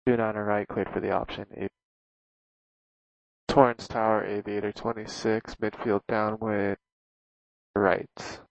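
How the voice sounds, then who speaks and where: Man, pilot over the radio, clipped readbacks, gravelly, dry and lo-fi. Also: on the low side, flat delivery, unhurried, pauses often, dry recording. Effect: pilot's voice over the aircraft radio. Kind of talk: radio phraseology. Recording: dull lo-fi radio transmission.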